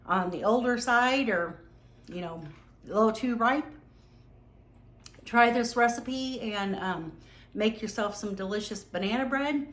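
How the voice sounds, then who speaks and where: A woman hosting a casual home vlog, chatty and relaxed with many ums. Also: medium pitch. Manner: talks while tasting, mouth full. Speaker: home cooking vlogger. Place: home kitchen and growing room. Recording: roomy home echo.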